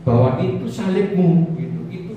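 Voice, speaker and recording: A man's voice: fairly high pitch, lively intonation, normal speed, narrow, tinny audio, slight background noise. Echoey man preaching. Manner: chatty, joking storyteller who laughs at his own stories. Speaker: pastor. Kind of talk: sermon. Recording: very echoey hall, distant mic, faint ambience.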